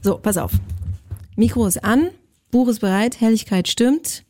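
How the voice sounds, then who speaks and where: A woman's voice: fairly high pitch, a little slow, mellow. Chatty woman hosting a radio interview. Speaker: radio host. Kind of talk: casual interview. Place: radio studio.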